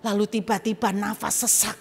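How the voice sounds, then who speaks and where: A woman's voice: mid-range voice, flat delivery, moderate pace, gravelly, a little hiss or hum. A woman pastor giving a testimony sermon in a church auditorium, telling her story animatedly with sound effects and asides to the congregation. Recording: reverberant church hall.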